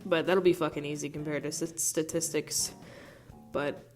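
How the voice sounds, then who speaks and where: Recorded by phone with faint music underneath, a young adult art vlogger talks in a chatty, rambling way, full of fillers and swear words. Her voice is low, darkish and steady at a moderate pace, congested and nasal as though she has a cold.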